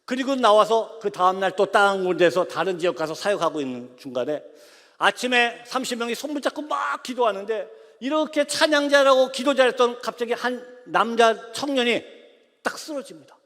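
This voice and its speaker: 높은 목소리의 열정적인 남자 설교자. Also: male voice, very high voice, lively intonation, moderate pace, in a large hall. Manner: impassioned storytelling, rising to shouts. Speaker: missionary preacher. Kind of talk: sermon. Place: church sanctuary.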